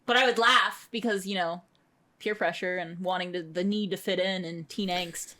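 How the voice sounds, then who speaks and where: A woman in her thirties co-hosting a casual podcast, telling stories in an earnest, measured way. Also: on the low side, steady tone, bright, forceful tone. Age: 30s. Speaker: podcast co-host. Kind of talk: casual chat.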